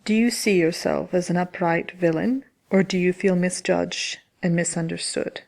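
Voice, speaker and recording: Wicked witch, played by a woman: gravelly, slightly low, dry self-importance and sly mischief, hosting an ASMR chat show. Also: fairly even intonation, normal speed, darkish tone. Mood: sly musing. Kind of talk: in-character ASMR question-and-answer chat.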